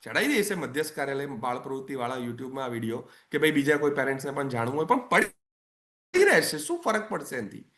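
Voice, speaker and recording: A man's voice: mid-range voice, lively intonation, fast, fairly bright tone. A man giving a parenting webinar talk, conversational and coaxing, repeating phrases for emphasis. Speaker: parenting coach.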